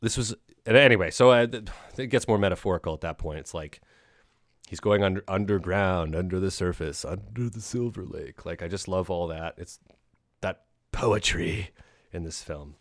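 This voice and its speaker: Deep-voiced man rambling about a film. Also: moderate pace, no echo, clean studio sound. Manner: rambling, full of "like" and restarts; swears casually. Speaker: podcast host. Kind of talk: casual film discussion.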